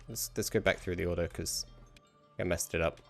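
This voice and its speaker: Deep voiced guy streaming a game, casual chat, soft music in the back. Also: steady tone, fairly quick, gravelly. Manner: thinking aloud, muttering to himself. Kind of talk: casual gameplay commentary.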